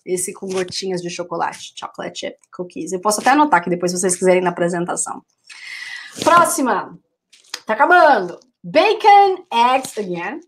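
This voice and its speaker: A woman's voice: on the low side, expressive, fairly quick, fairly bright tone, slight background noise. A young woman with a Brazilian Portuguese accent teaching English vocabulary in a chatty live online class, repeating words for her students and answering the chat.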